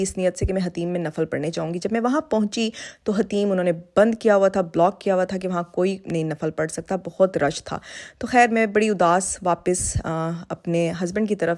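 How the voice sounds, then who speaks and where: A woman's voice: mid-range voice, a little mellow. Earnest woman telling a heartfelt story. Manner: earnest, heartfelt, drops in English words. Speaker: vlogger. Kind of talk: casual storytelling to viewers.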